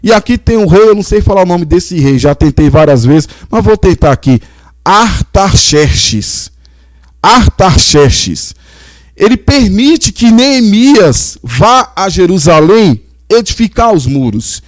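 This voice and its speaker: A man, preaching a sermon as a pastor and reading scripture slowly with rising emphasis. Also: high voice, big pitch swings, a little mellow, dry recording.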